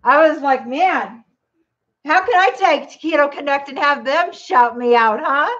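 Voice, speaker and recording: Woman, grandmother, high voice, chatty cooking livestream, home kitchen, dull lo-fi audio. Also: a little slow, a bit bright. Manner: chatty, talks straight to viewers. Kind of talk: casual livestream chat while cooking.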